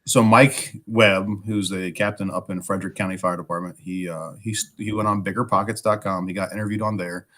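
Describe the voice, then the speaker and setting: Hoarse man with a smoker's rasp. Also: sits low, fairly even intonation, brisk, few pauses, fairly bright tone. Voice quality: raspy, smoker-like. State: hoarse from bronchitis, fighting a cough. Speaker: guest, firefighter and podcaster. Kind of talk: casual chat.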